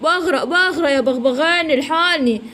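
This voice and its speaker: A woman with an Egyptian accent voicing a greedy, chubby male animal who whines and pleads in a drawn-out way. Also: high-pitched, sharp tone. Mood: pleading. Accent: Egyptian Arabic. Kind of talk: children's story voicing.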